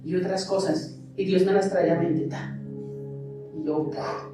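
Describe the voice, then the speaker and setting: A man's voice: high-pitched, fairly even intonation, a little slow, warm tone. A male pastor preaching a sermon and telling his own testimony, asking the congregation rhetorical questions. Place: church sanctuary. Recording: echoey church hall, far mic, music behind. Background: music.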